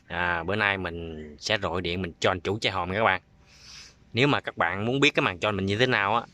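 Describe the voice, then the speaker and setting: Bright-voiced southern Vietnamese man, fairly low. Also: dry recording. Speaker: prank-call video host. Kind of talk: casual vlog chat.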